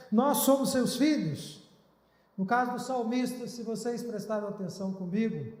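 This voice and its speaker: High-voiced pastor preaching in an echoey hall. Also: male voice, a little mellow. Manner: earnest, pleading preacher. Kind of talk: sermon. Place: church hall.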